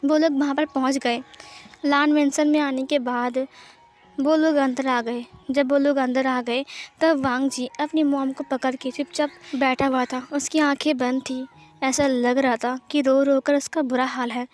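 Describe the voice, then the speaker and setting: A woman tells a story aloud in a high, bright-pitched voice, moving briskly through the narration. Faint music plays under her. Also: level tone.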